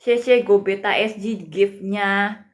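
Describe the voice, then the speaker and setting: A woman's voice: medium pitch, slow pace. A woman teaching a live-streamed Mandarin lesson, patient and greeting viewers by name.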